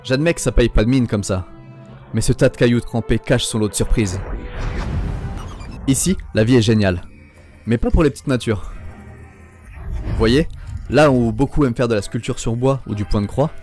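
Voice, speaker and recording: A man plays a proud young villager narrating a cartoon adventure. His delivery is wry and mid-pitched, over faint music. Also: moderate pace, long pauses, a little mellow, close to an everyday voice. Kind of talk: scripted film narration, amateur dubbing.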